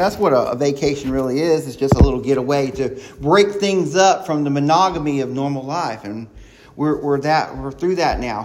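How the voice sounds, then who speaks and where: A man preaching a sermon, excited and quick, with frequent restarts and repeated words. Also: mid-range voice. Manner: excited, talking fast with many restarts.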